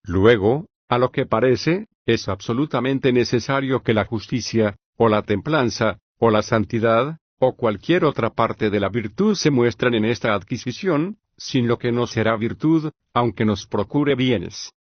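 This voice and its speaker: A man reading the part of Socrates, an older philosopher who keeps asking questions, in an even audiobook voice. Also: medium pitch, a little slow, hardly any pauses, no room sound, lo-fi sound, close to an everyday voice. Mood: questioning. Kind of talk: flat audiobook reading of a dialogue.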